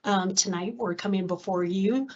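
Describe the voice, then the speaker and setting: A woman's voice: medium pitch, normal speed. A woman giving a formal slide presentation as a finance official to a board on a video conference. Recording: dull video-call audio.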